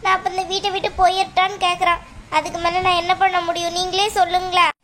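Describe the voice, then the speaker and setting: A woman voicing a gentle, apologetic middle-aged mother of the groom in a cartoon. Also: very high voice, completely flat delivery, quick pace, slight background noise. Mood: soothing. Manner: soft, apologetic, soothing. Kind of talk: cartoon voice acting.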